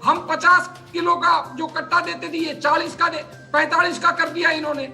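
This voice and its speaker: A combative man argues in a TV news debate, his voice high and piercingly bright. He fires off numbers one after another and keeps talking over the others, with faint music under the studio audio. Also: flat delivery, normal speed, creaky. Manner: combative, rattles off figures, talks over others. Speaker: political party spokesman. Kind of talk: heated TV debate.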